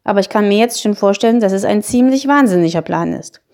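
A woman voicing a practical, doubtful young boy in a storybook reading, quick and matter-of-fact. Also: medium pitch, lively intonation, darkish tone, natural voice. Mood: brisk.

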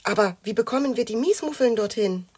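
A woman's voice: on the high side, animated, fairly quick, a little mellow, husky, pitched above the performer's own voice. Woman playing a clever young girl. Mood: scheming.

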